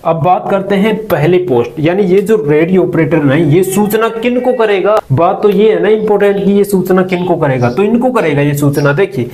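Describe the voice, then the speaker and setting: With a high-pitched, darkish voice at normal speed and barely any pauses, the presenter of a job-recruitment explainer channel teaches an informal lesson. He chats conversationally, poses and answers his own questions, and keeps using check-in tags, over a slight hiss or hum.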